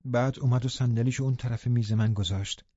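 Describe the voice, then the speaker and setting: Sombre male audiobook narrator, dark tone. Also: mid-range voice, steady tone, breathy edge, no echo. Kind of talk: scripted narration. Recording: muffled lo-fi recording.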